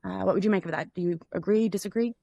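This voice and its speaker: A woman with a Texan accent, co-hosting a podcast and asking searching philosophical questions, often pausing with "uh" and checking in with "right?". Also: mid-range voice, gravelly, mellow, no room sound, muffled recording. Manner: searching, many "uh" and "right?" tags. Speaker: podcast co-host. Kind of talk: philosophical conversation.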